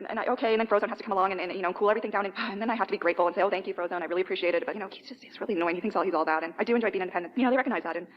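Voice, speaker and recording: A woman's voice: medium pitch, natural voice. An actress playing a hot-headed female fire superhero who rambles with many fillers in a recorded interview. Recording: dull muffled tape with faint hiss.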